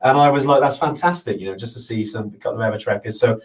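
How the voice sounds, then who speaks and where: A man's voice: fairly low pitch, rapid-fire. Earnest rambling man, slightly distant mic. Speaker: host of a trekking live show. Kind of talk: casual live Q&A chat. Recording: voice a bit far from the mic.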